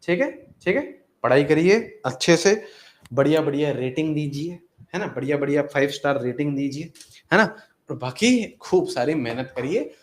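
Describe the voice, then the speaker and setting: A man's voice: fairly high pitch, expressive, moderate pace, reverberant. A male teacher closing an online exam-prep class with an encouraging talk, repeating his points and calling students "beta".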